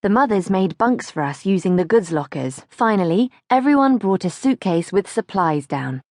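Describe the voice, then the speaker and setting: A woman reads a childhood diary aloud as an audiobook, performing expressively from a script and acting out the questions. Her voice is mid-range at a normal speed, recorded cleanly in a studio with no echo.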